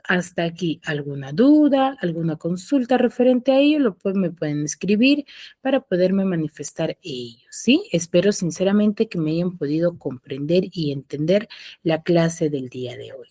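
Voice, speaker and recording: A woman teacher talks slowly and patiently, asking her class questions and then answering them herself. Her fairly low, mellow voice swoops up on each question and sinks at the end of every phrase. The sound is dry, with no room echo. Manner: pitch rises on questions, drops low at ends of phrases. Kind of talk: recorded online class.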